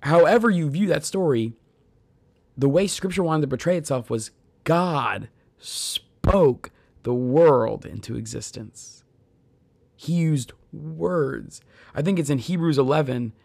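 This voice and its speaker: A man in his thirties delivers an earnest, conversational devotional talk on scripture, addressing listeners directly and sharing personal stories. His medium-pitched voice is gravelly and a little mellow, with a measured pace and no room sound.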